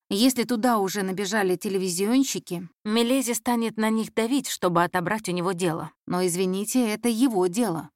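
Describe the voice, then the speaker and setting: Brief: steady female audiobook reader for a crime story, dry close sound. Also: mid-range voice, no echo. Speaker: audiobook narrator. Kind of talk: scripted narration.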